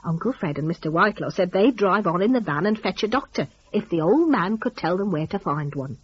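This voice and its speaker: With a husky voice and very lively pitch, a woman tells a story dramatically and fairly quickly, using folksy rustic phrasing as though speaking right to you. The audio is a little dull and lo-fi.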